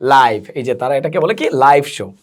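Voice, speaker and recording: A man teaching a spoken English lesson. He explains slowly, spells words out and answers his own questions. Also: medium pitch, lively intonation.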